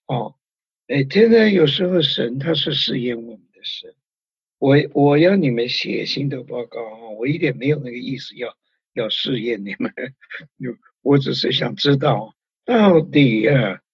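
A man pastor giving a sermon in a very husky, breathy voice, talking in a conversational storytelling way with many sentence particles. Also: medium pitch, dry recording, dull audio.

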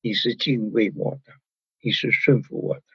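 A man voicing God as a solemn male deity making promises, in a very husky voice. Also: lowish voice, normal speed, sharp tone, no room sound, dull audio, pitched below the performer's own voice, full character voice. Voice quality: very husky, breathy voice.

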